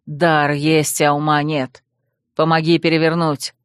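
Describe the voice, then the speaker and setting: A woman voicing a sneering young male northern ice mage who hisses and mocks roughly. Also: low-pitched, level tone, measured pace, no room sound, clean studio sound, pitched below the performer's own voice. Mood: gruff. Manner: mocking, rough, hissing.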